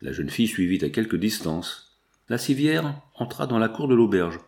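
A man narrating a 19th-century novel in a measured, even reading. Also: lowish voice. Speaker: audiobook narrator.

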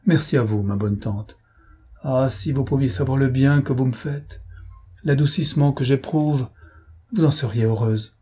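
A man's voice: medium pitch, moderate pace, warm tone, slightly rough, natural voice. A man voicing a feverish, bedridden young man, agitated and imploring, in an audiobook. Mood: relieved.

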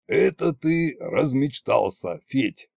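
A man voicing old Koshchei, a gruff, sly deathless king, with a husky, drawling, mocking delivery. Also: mid-range voice, animated, takes it slowly, a little mellow, dry recording, studio quality, exaggerated voice. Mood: wry. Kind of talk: audiobook character voice.

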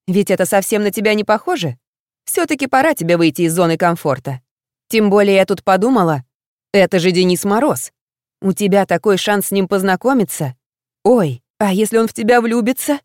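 A woman voicing an excitable, pushy young female student who talks emphatically and exclaims a lot. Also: medium pitch, brisk, no room sound, clean studio sound, close to an everyday voice. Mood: urging. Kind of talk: audiobook character voice.

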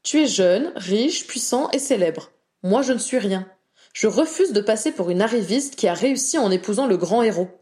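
A woman's voice: medium pitch, lively intonation, normal speed, dark tone, pitched above the performer's own voice, natural voice. A woman voicing a proud, anxious young witch who talks in an earnest, pleading way.

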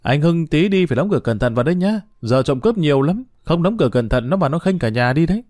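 A spiteful young daughter-in-law, played by a male narrator, firing off rapid, sneering retorts in a raised voice. Her pitch leaps around as she lashes out, heard dry and close. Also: lively intonation, a little mellow, no room sound, lightly acted. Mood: bossy.

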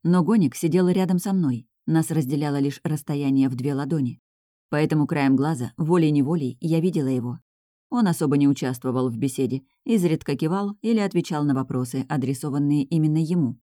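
A woman narrates a first-person audiobook with lively, sardonic storytelling. Her voice is low and dark, and the recording is close and dry with no room sound. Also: a little fast, no room sound. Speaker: audiobook reader.

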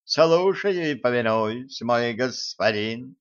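A man's voice: medium pitch, slow, lo-fi sound, natural voice. A man reading an audiobook voices a playful, flirtatious female ship hologram who talks in a mocking tone. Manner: mocking, teasing.

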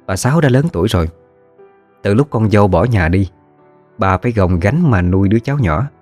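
Deep-voiced man narrating a ghost story. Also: faint music behind. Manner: steady, measured storytelling.

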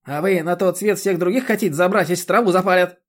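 A man reading an audiobook, voicing a short, stout, rude elderly village chairwoman who scolds and yells. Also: quick pace. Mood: scolding. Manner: shrill scolding, yelling.

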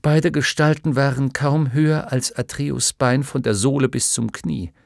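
A man narrating an audiobook in a measured storytelling manner, recorded on a studio microphone. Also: mid-range voice, steady tone, gravelly, no room sound. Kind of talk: scripted narration.

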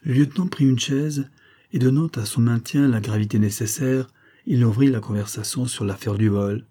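A man narrating a classic short story in a measured, even storytelling delivery. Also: mid-range voice. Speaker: audiobook narrator.

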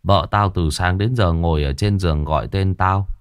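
A man's voice: low-pitched, normal speed, clean tone, no room sound, clean studio sound, natural voice. A male storyteller voicing a frightened, superstitious village man who talks earnestly and insists. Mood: scared.

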